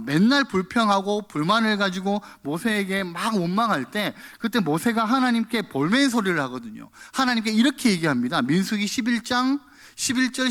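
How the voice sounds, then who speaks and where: A man's voice: high voice, fairly bright tone. A male pastor preaching a sermon in church, acting out the quoted prayers in a raised voice.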